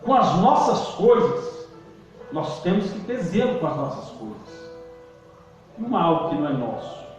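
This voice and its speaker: A male pastor preaching a sermon, calling out to the congregation and swinging between loud emphasis and quiet low lines. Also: sing-song, moderate pace, faint music behind. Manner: preaching with call-and-response, emphatic swings in pitch and volume. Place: church hall. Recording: distant echoey church hall recording, dull.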